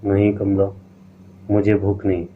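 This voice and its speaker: A man's voice: lowish voice, completely flat delivery, a little slow, close to an everyday voice. A man voicing a hurt, proud wife of the house who speaks bitterly and sharply. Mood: weary. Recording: tinny lo-fi line with faint hiss.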